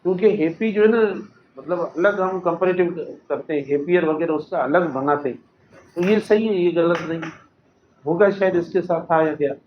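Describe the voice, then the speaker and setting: Man, Sindhi accent, grammar teacher, high voice, patient explanations, echoey classroom, dull lo-fi sound. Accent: Sindhi-accented Urdu. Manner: explains patiently, repeats example sentences slowly, asks students questions. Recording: echoey classroom, dull lo-fi recording with faint noise.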